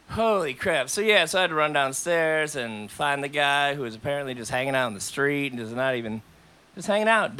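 A man's voice: a little high, bright, forceful tone, clean tone. A man hosting a casual podcast, talking loosely, swearing and laughing often. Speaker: podcast host. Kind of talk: casual chat.

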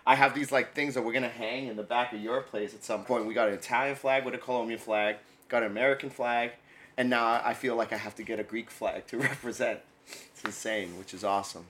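A young man from New co-hosts a food podcast, speaking fairly quickly in a mid-range voice. He chats casually, tells stories animatedly, laughs often and gets loud when excited.

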